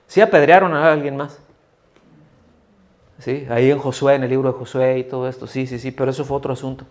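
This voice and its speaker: This middle-aged pastor has a mid-range voice with fairly even intonation and a brisk pace. Preaching in a church hall, he speaks conversationally, repeatedly questions his congregation, and performs the voices of those he quotes.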